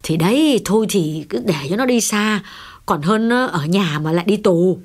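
A man voicing an official's gentle, fretful middle-aged wife in a raised falsetto for an audiobook. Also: lively intonation, moderate pace. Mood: resigned. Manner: soft pleading falsetto. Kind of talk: audiobook character voice.

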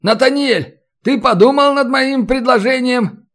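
A man voicing a boisterous, mocking brawler who haggles loudly over a captive. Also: very high voice, measured pace, pitched above the performer's own voice, heavily acted. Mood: haggling. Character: boisterous bargaining male brawler, Belarusian.

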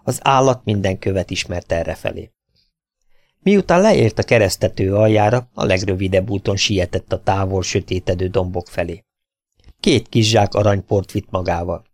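Man, audiobook narrator, adventure novel, steady reading, gravelly, dry close sound. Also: low voice, dry recording.

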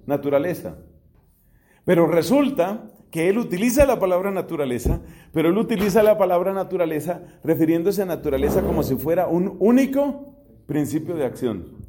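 A man's voice: high-pitched, mellow. A middle-aged man from Colombia, a priest giving a theology lecture, who explains step by step and poses rhetorical questions that he answers himself.

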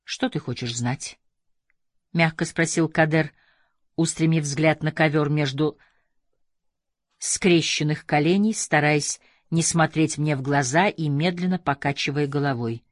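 An audiobook narrator giving a measured first-person reading, close to the mic. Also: medium pitch, fairly even intonation, no echo. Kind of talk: scripted narration.

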